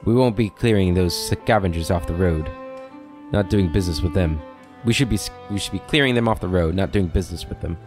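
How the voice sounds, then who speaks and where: A man's voice: deep voice, brisk, music in the background, close to an everyday voice. A man reading a disapproving male blacksmith's game dialogue aloud, plainly and with stumbles. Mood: grumbling.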